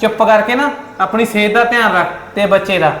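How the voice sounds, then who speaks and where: A man's voice: sits high, fairly even intonation, fairly quick, a bit bright, a little hiss or hum. A man acting as an exasperated young husband and protective brother, scolding and impatient in a short film drama. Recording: echoey room with long reverb.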